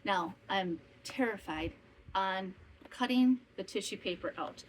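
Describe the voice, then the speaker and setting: A slightly high-voiced woman in her fifties, from northwestern Wisconsin in the Midwest, makes and hosts a casual chat podcast at home, digressing and correcting herself as she goes. A fan runs in the summer heat, leaving a faint hum on the rough recording.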